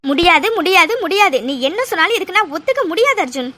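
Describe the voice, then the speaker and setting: A woman voices a middle-aged cartoon mother who is close to tears and cannot accept her son's decision. The voice sits very high and the words come fast. A faint hiss runs under the recording. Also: expressive, pushed and bright, exaggerated voice. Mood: upset. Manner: pleading, emotional. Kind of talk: cartoon voice acting.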